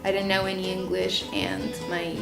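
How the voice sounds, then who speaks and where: A young woman from Chile talks in an earnest, reflective way, now and then searching for the right word. Her voice rings in a roomy, echoing space while guitar music plays clearly underneath. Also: lowish voice, big pitch swings, moderate pace. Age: 20s. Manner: earnest, thoughtful, searching for words. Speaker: student interviewee. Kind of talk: personal reflective talk. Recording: echoey room with guitar music.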